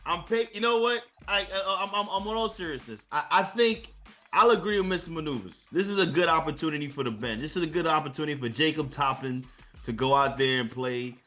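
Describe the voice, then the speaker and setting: A man's voice: fairly high pitch, a little fast, bright, forceful tone, soft background music. Joking sarcastic man on a sports podcast. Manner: joking, sarcastic, stumbles and repeats words. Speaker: podcast co-host. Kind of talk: casual sports chat.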